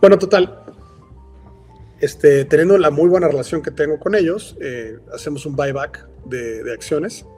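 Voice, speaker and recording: Guesting in a relaxed interview, a company founder with a Mexican accent wanders through his answers, leaning heavily on the filler "este." His voice is fairly high and mellow at a normal pace, with faint music in the background.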